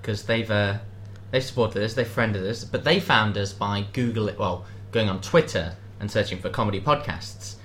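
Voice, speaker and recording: A British man co-hosting a casual podcast, joking and cheeky in a fast, chatty way. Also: on the low side, fairly bright tone, slight background noise. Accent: British English. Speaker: podcast co-host. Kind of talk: casual chat.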